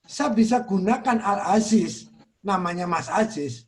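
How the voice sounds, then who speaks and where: An Indonesian man teaching in a religious study talk, earnest, softly repeating phrases for emphasis. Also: high voice, lively intonation, unhurried. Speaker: Islamic teacher.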